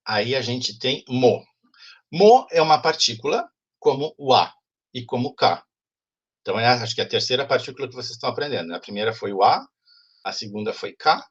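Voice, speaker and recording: A man teaches an online language class at a mid pitch. His voice is husky, and he keeps checking that the students follow. The call audio is muffled. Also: lively intonation, a little fast. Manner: explanatory, frequent "né?" checks with students.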